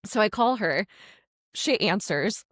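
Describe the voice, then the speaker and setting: Animated woman telling a work story. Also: medium pitch, slow pace, dry recording, studio quality. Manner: animated, quotes people with laughs. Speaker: podcast co-host. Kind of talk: casual chat, storytelling.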